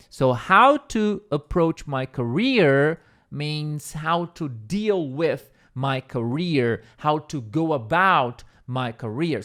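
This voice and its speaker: Brazilian-accented male English teacher, unhurried, animated pitch, keeps checking understanding. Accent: Brazilian Portuguese. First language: Brazilian Portuguese. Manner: repetitive, checks in with "okay?" and "right?". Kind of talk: explaining vocabulary step by step.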